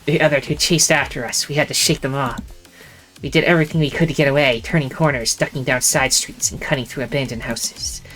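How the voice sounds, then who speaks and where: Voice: mid-range voice, steady tone, a little fast, a bit bright, soft background music, rough recording. A streamer narrating a visual novel in the first person, with casual asides in between. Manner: narrates in first person, breaks off to joke and laugh. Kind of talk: reading a visual novel aloud with commentary.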